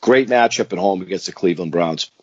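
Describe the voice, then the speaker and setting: Male podcast co-host, husky, dry lo-fi sound, keen casual talker. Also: deep voice, fast, no echo. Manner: enthusiastic, repeats picks with "give me". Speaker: fantasy football co-host.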